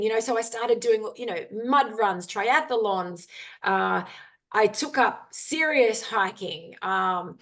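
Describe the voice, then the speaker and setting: A woman with a fairly high, fairly bright voice speaks as a guest adventurer on a video call. Her candid, heartfelt talk, full of ums and you-knows, uses a screen share before opening to questions.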